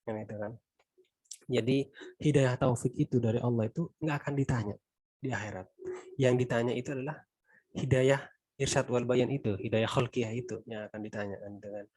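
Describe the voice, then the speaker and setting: Mellow husky Indonesian religious teacher. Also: male voice, mid-range voice, fairly even intonation, fairly quick, pauses often, dry recording. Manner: conversational, frequent "gitu kan" tags, trailing softly. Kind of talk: Quran exegesis lesson.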